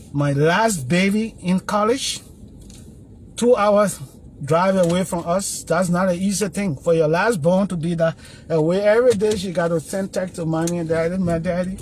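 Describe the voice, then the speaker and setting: A man's voice: fairly high pitch, darkish tone, a little hiss or hum. An older man, talking earnestly and rambling in a casual phone vlog outside his church. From Liberia. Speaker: video blogger. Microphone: phone camera.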